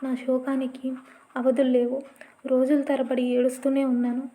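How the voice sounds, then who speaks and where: A woman narrating a first-person story in a soft, steady, plaintive reading. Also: sits high, normal speed.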